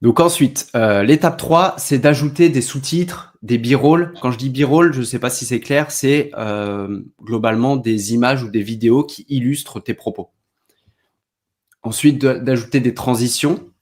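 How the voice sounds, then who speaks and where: A man's voice: medium pitch, measured pace, darkish tone. A man giving a casual online tutorial, talking straight to the viewer and often hesitating and restarting. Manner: hesitant, many fillers and restarts; speaks directly to the viewer. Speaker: content creation trainer.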